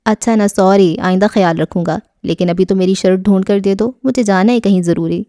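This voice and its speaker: A woman's voice: mid-range voice, mellow, no room sound, studio quality, lightly acted. A woman reading the part of a playful, teasing young man who wheedles favors. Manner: mischievous, wheedling. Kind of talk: audiobook character reading.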